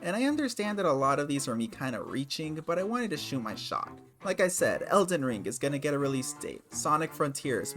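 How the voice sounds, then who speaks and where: A man's voice: medium pitch, a bit bright. A man casually talking through his gaming predictions, sarcastic and swearing freely. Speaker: gaming video creator.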